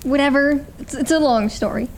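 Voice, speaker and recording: A young woman plays a cautious, guarded teenage girl in a naturalistic drama. Her voice is high. There is faint ambient noise in the background. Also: brisk.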